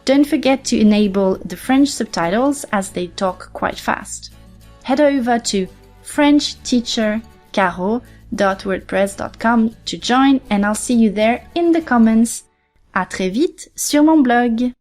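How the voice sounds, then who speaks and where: A woman with a slightly high voice teaches a podcast lesson as its host. She explains each point step by step. She says her example phrases again slowly so they can be followed. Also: expressive, a little mellow, faint music behind.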